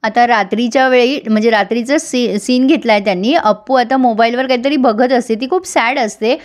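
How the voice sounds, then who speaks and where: High-voiced woman retelling a serial episode. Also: fairly quick. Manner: narrates and acts out characters' lines with feeling.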